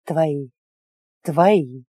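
Woman doing a calm, low alien man. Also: very slow, breathy edge, no room sound, clean studio sound, heavily acted. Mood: gentle. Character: calm, teasing alien man, protective fiancé.

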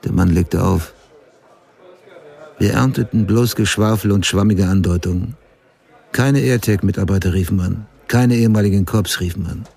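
A man's voice: fairly low pitch, moderate pace, gravelly, a little mellow, husky. A man narrating in the first person in a radio play, reporting in sober, clipped sentences. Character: grown man recounting a murder investigation.

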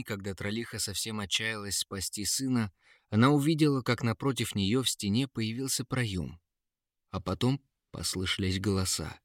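A man narrating a fairy tale in a dramatic, measured way, close to the mic. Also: fairly low pitch, a bit bright, no room sound. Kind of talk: storybook narration.

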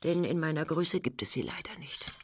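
A woman playing a sly voice that taunts an aging woman in a literary radio drama. She coaxes and drops into soft whispers. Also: deep voice, expressive, moderate pace, slight background noise. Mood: coaxing.

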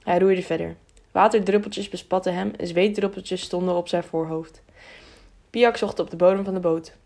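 Woman narrating an audiobook, gravelly. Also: fairly low pitch, steady tone, moderate pace, darkish tone.

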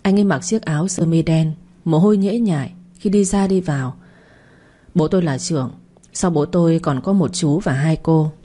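A woman narrating a dramatic first-person story in a calm, even reading voice. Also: sits low, moderate pace.

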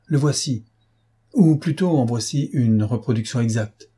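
A man's voice: mid-range voice, measured pace, warm tone, breathy edge. A man reading an audiobook, voicing a commanding male police chief who presses and gives orders. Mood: probing. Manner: urgent, commanding.

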